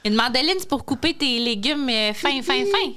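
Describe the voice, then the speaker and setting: A woman's voice: high voice, animated, normal speed, a crowd in the background. A woman with a Quebec French accent, a teacher chatting casually and informally. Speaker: school teacher, guest in conversation. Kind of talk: casual chat.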